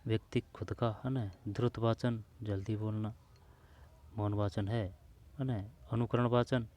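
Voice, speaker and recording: A man with a low, mellow voice goes through old test papers question by question. He reads out each option, then repeats the choices over and over as he works toward the answer. He talks to the listener in a casual, friendly way. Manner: informal, addresses listener as यार and भाई, repeats options while checking answers. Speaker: exam prep teacher. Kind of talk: solving old exam questions aloud.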